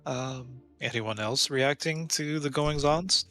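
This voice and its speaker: A man's voice: mid-range voice, slow pace, pushed and bright, faint music behind. A man narrating a tabletop game as game master, chatty and trailing off into asides. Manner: chatty, laughs often, trails off.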